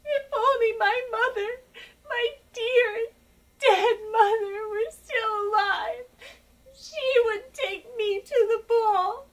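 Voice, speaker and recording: High-pitched melodramatic Cinderella. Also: female voice, takes it slowly, poor audio. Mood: wailing self-pity. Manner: overwrought wailing with sudden snide asides. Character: melodramatic self-pitying young Cinderella, vain diva. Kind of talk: broad comic stage fairy-tale acting.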